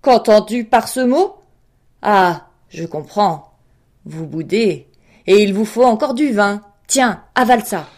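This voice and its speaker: A woman voicing a cruel, boisterous fat king who bullies and mocks loudly in a storybook reading. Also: on the low side, lively intonation, a little slow. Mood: furious. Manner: loud, bullying, mocking laughter.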